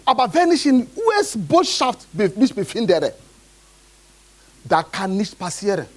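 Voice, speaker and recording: Guy preaching a sermon, high voice that jumps all over, keeps asking the church if they follow. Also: takes it slowly. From Nigeria. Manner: animated preaching, often checks in with the congregation. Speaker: pastor.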